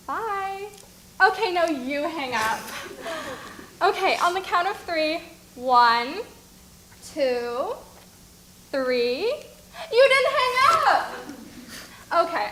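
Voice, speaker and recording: Casting: young woman as a high, bright-voiced lovestruck pledge, roomy echo. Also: a little hiss or hum, heavily acted. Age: young adult. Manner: gushing, then unsure. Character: smitten young college woman, sorority pledge. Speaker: student acting in a skit. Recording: echoey room with faint ambience.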